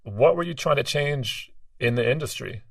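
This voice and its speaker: A man co-hosting a casual interview, laid-back and quick to laugh. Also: mid-range voice, animated, gravelly, fairly bright tone, dry recording, studio quality, recorded from a distance. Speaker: co-host.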